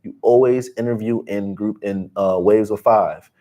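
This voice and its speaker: A man in his twenties co-hosting a livestream, giving business advice in casual, energetic talk and calling people bro. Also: lowish voice, moderate pace. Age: 20s. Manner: energetic, slangy, calls listeners bro. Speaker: livestream co-host.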